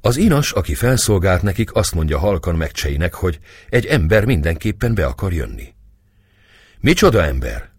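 Deep expressive male audiobook narrator, dry close sound. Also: breathy edge, no room sound. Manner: storytelling, expressive. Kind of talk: scripted narration.

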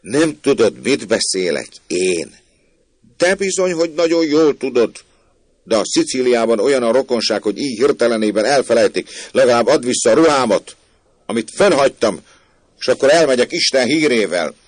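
A man voicing a gullible young man who pleads and protests in a raised, husky voice. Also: low voice, hardly any pauses, no room sound. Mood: indignant. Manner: pleading, indignant outcry.

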